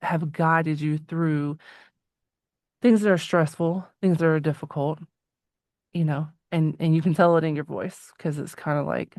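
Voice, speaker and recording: A woman's voice: low-pitched, steady tone, unhurried, darkish tone, no room sound, clean studio sound. A woman in her forties, hosting an interview, talking in a thoughtful, reflective way and laughing often. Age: 40s. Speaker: podcast host. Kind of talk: casual interview chat.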